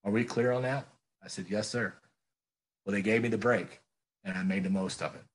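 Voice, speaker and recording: A middle-aged man sharing his story at a recovery meeting. His voice sits low and a little husky, and he talks in an earnest, plainspoken way, circling back to the same phrases to drive them home. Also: fairly even intonation, moderate pace. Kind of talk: speaker-meeting share.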